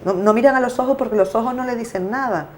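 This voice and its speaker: A woman's voice: a little high, fast talker, a little hiss or hum. A woman, explaining at length as an interview guest, with frequent fillers and self-corrections. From Canary Islands. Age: 40s. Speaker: interviewee, parent and association president. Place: local TV studio.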